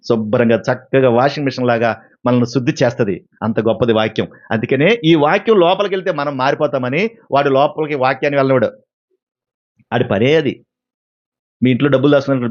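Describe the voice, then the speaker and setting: A man preaching a sermon, animated, asking the congregation questions and acting out everyday exchanges. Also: on the high side. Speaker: pastor. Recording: dull, lo-fi recording.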